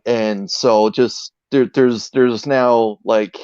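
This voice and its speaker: A man with a mid-pitched voice chats casually as a guest, sharing anecdotes. He is earnest and often feels for the right word. The sound is dry and slightly muffled. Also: steady tone, very slow, darkish tone, clear, resonant tone, no echo. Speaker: interview guest, video creator. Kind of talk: casual chat, telling anecdotes.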